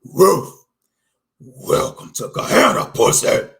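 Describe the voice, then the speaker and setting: A man voicing a huge, menacing hellhound dog man who barks out loud taunts in a narrated monster story. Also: high-pitched, wildly swooping pitch, slow, pitched above the performer's own voice, full character voice. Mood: taunting. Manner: loud barking shouts.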